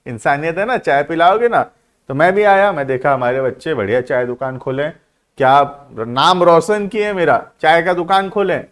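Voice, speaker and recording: Teasing male commerce teacher, slightly high voice. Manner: teasing, asks students rhetorical questions; explains in Hindi, mixing in English terms. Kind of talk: classroom lecture.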